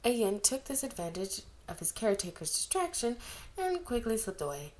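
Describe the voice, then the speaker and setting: This amateur fan fiction audiobook reader is a woman whose slightly high voice is sing-song and somewhat dark, at a moderate pace. She narrates a scripted story, expressively performing the dialogue in character voices.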